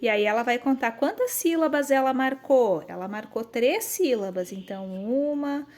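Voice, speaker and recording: A Brazilian woman explaining and demonstrating learning materials for young children, filmed on a handheld phone, often tagging her sentences with questions and counting aloud slowly. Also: fairly high pitch, animated, a little mellow. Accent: Brazilian Portuguese. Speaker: educator showing teaching materials. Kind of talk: casual demonstration of classroom materials. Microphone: handheld phone camera, filming one-handed.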